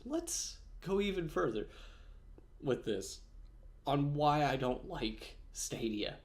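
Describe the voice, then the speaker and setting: A man's voice: on the high side, sing-song, takes it slowly. A man chatting casually in a gaming vlog, rambling with many fillers and self-corrections, snacking on almonds as he talks. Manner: snacks on almonds while talking. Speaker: gaming vlogger.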